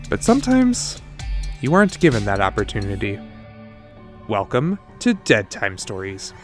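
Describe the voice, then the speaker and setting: A male host tells a true-crime tale with a voice that rises and falls freely, his pitch sitting in an ordinary middle range. He keeps it conversational and animated. Soft music runs faintly underneath. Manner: lively conversational storytelling with wide pitch swings. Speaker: narrator and podcast host. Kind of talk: storytelling narration.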